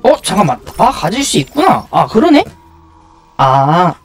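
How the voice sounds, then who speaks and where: A man with a fairly high, very lively voice does casual live gameplay commentary. He thinks aloud and mutters to himself as he goes. Game music plays behind him. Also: measured pace. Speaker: video game streamer.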